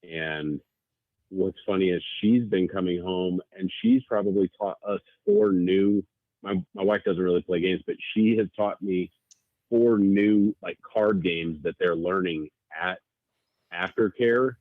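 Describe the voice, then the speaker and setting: A man's voice: low voice, unhurried, dry recording. A man in his forties calling in, chatting casually and rambling with lots of fillers over a phone line. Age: 40s. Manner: rambling, hesitant with many fillers. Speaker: caller. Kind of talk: casual chat.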